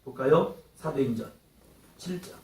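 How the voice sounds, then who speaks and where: A man preaching a sermon in a church, dramatic, swinging between loud outbursts and hushed lines and acting out quoted voices. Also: fairly high pitch, moderate pace. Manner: acts out taunting quotes in character. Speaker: pastor. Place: church hall. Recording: echoey hall, mic at a distance.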